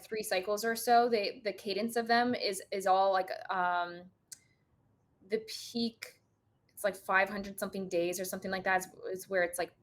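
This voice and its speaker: Woman guest on a chat stream, mid pitch, thinks out loud, lots of ums and restarts. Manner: thoughtful, hesitant, many fillers and restarts. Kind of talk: casual livestream chat.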